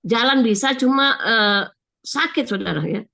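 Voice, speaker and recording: Older lady preaching on a video call, kinda high voice, keeps talking straight to the congregation. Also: expressive, a little slow, creaky, bright, forceful tone. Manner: keeps addressing listeners as brothers and sisters, earnest. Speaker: preacher giving a testimony. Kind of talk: sermon with personal testimony. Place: online video meeting.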